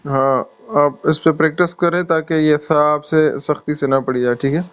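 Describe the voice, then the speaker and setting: A man's voice: a little high, fairly even intonation, lo-fi sound. A man teaching Quran recitation in an online class, patiently correcting pronunciation step by step. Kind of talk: online tajweed lesson. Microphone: video call.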